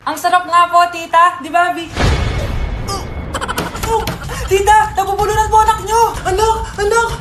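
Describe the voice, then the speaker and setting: Very high-pitched woman voicing all characters in comic skits; echoey room, music under it. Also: steady tone. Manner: switches voices fast, exaggerated and shouty. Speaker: comedy skit creator.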